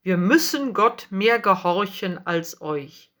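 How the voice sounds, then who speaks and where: A woman's voice: medium pitch, lively intonation, slow pace, a bit bright. A woman voicing the apostle Peter as a bold, earnest man in a storybook reading, speaking firmly. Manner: firm, earnest declaring.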